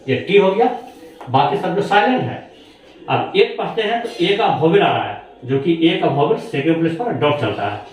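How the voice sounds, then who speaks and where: Lively man teaching in an echoey room. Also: fairly high pitch, slight background noise. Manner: explains step by step, asking rhetorical questions. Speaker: shorthand teacher. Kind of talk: classroom lesson explanation. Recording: very echoey room, voice far from mic.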